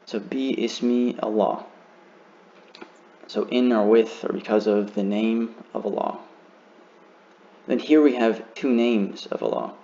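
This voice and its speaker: A man teaching a beginner lesson, slowly and carefully demonstrating how each word is pronounced. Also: lowish voice, steady tone, creaky, warm tone, highs cut off. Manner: slow, careful demonstration of pronunciation.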